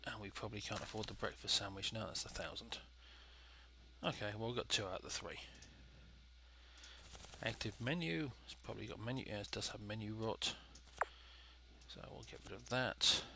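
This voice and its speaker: Nasal, congested man with a bright edge. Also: lowish voice, moderate pace, gravelly, slight background noise. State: has a head cold. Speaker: gaming video host. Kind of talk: casual let's play commentary.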